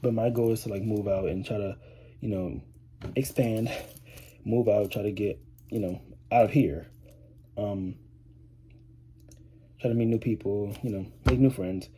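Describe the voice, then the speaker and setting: A man's voice: on the low side, fairly even intonation, unhurried, long pauses, dark tone, a little hiss or hum. An eighteen-year-old man chatting casually to camera as a vlogger, rambling with lots of fillers and restarts. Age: 18, teenager. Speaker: vlogger, high school student.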